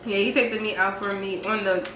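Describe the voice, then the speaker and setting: A woman's voice: mid-range voice, steady tone, fairly quick, a bit bright, recorded from a distance. A young woman co-hosting a casual food vlog, chatting while eating, full of filler words. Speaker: vlog co-host. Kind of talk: casual mukbang chat. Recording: echoey room with clear background noise.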